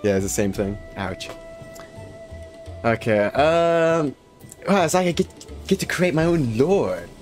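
A man's voice: mid-range voice, big pitch swings, slow pace, long pauses, soft background music. A man casually commenting on a game he streams, with chatty, self-mocking asides.

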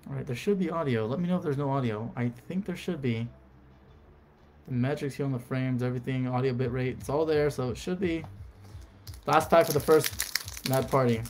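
A man's voice: medium pitch, normal speed, slight background noise. A man chatting casually on a live stream, reading out card names and talking to viewers.

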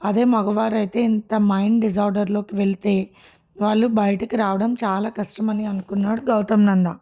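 A woman reading a serial love story aloud in a steady storytelling way. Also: mid-range voice, normal speed. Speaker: story reader. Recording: noisy recording.

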